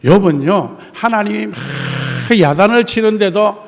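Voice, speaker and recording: Older pastor, thick Gyeongsang dialect. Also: male voice, high voice, lively intonation, unhurried, creaky. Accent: Gyeongsang, Tongyeong-Geoje dialect. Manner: folksy, acts out dialogue in many voices, jokes with the congregation. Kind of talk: sermon. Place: church sanctuary. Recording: long church hall reverb.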